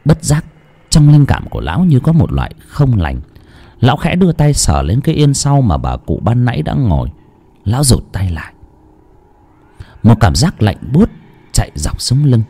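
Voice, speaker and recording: A man narrating a ghost story in a dramatic, animated storytelling voice. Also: medium pitch, moderate pace, long pauses, husky. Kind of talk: scripted horror narration. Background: faint background music.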